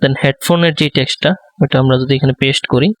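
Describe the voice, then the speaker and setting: A man giving a design tutorial, speaking softly close to the microphone and thinking aloud with many fillers. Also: medium pitch, fairly even intonation, fast talker, no room sound. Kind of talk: live screen-recorded tutorial.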